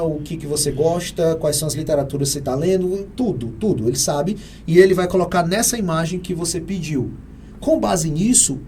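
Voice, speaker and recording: A Brazilian Portuguese-accented man speaking as an interview guest, his voice high for a man and mellow in tone. He explains with energy and emphasis, like a teacher throwing out rhetorical questions. A faint hum of background ambience sits under the recording. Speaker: real estate AI consultant guest. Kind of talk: conversational interview answers.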